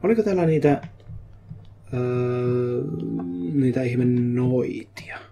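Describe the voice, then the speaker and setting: A man giving casual commentary while he plays a game live, chatty and prone to excitable outbursts in English. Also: medium pitch. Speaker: streamer. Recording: game music behind voice. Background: game music.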